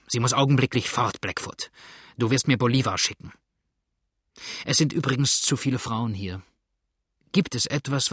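A man's voice: medium pitch, a bit bright, breathy edge, dry recording, clean studio sound. A man voicing a stern ship's captain who gives curt, firm orders.

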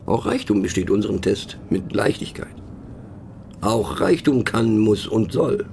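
In a satirical radio play monologue, a man voices a pensive, mocking narrator musing on words, his ironic delivery dotted with conversational, questioning asides and little questioning tags. His voice sits on the low side, expressive and a little slow, creaky and darkish, with a slight hiss or hum behind it. The mood is wry and mocking.

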